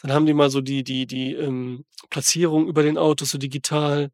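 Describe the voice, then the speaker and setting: A man's voice: a little high, level tone, brisk, darkish tone, dry recording, studio quality. A man ranting in a casual podcast chat about a film, rambling and slangy with lots of fillers. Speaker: podcast co-host reviewing a film.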